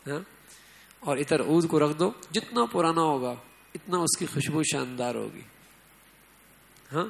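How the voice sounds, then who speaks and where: A man gives an Islamic sermon in a loose, conversational way, often tossing questions to his listeners. His voice sits a little high and has a gravelly rasp. He leans hard on quoted lines when he acts them out. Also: lively intonation, fairly bright tone, slight background noise, poor audio. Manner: conversational, asks the audience often. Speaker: preacher.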